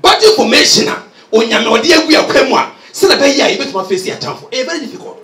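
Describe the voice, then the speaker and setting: A middle-aged man preaches on a handheld mic, his voice pitched very high and swinging widely. He often breaks into shouts. The echoey church hall is recorded from across the room. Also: quick pace, distant mic. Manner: energetic preaching, pacing and gesturing, often shouting. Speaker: head pastor. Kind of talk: sermon, mixing Twi and English. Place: church hall with carpeted floor.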